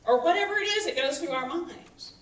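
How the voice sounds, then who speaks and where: Female minister, 50s, animated preacher drawing the congregation into call-and-response, recorded from afar with faint background noise. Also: extremely high pitch, a little fast. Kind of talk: sermon. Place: church sanctuary. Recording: echoey hall, mic from far off, faint noise.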